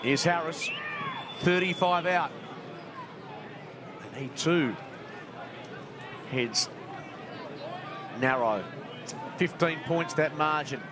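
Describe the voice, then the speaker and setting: High-voiced Australian man calling football. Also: extremely slow, pauses often. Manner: short, clipped phrases. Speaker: football play-by-play commentator. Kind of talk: live sports commentary. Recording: loud crowd and noise behind commentary. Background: loud crowd at outdoor ground.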